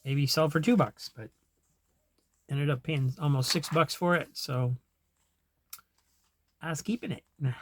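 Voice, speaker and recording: A man's voice: on the high side, unhurried, long pauses, a little hiss or hum. A man in casual chat as a comic collector vlogger, rambling, trailing off and chuckling to himself as he goes.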